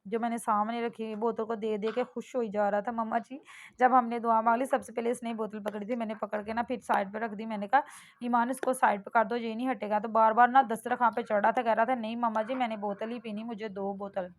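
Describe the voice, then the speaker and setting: A woman's voice: fairly high pitch, level tone, quick pace. A middle-aged woman from Pakistan, talking casually and rambling through a home cooking vlog. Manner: chatty and rambling, with frequent fillers and laughs at herself. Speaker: vlogger.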